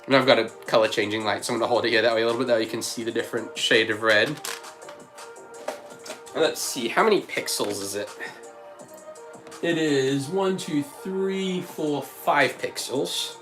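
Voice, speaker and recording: With faint music behind him, a livestream host with a mid-range, slightly bright voice talks at normal speed while he builds. He is chatty, muses aloud, and reads out and answers chat messages, though a slight cough and a frog in his throat linger.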